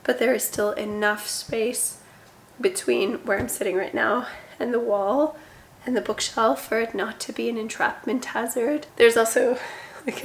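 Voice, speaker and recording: Young woman rambling casually in her bedroom, bit hoarse, kinda high and flat, lots of "like". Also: slight background noise. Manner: chatty, relaxed, with frequent "like" fillers. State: voice somewhat hoarse. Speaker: parenting vlogger. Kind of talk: casual home tour talk. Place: her bedroom, seated indoors.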